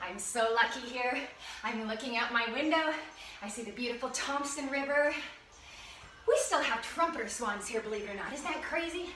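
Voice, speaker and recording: A woman's voice: fairly high pitch, normal speed, bright, forceful tone, a little hiss or hum. Upbeat female fitness instructor, breathless mid-workout, recorded at a distance in an echoey room. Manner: upbeat, encouraging, panting between cues. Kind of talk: workout instruction, counting reps. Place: room at home.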